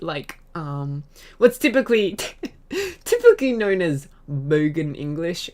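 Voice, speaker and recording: A young Australian woman streaming, chatting casually with her audience, giggling often and rambling through fillers and restarts. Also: fairly low pitch. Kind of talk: casual chat reading chat messages.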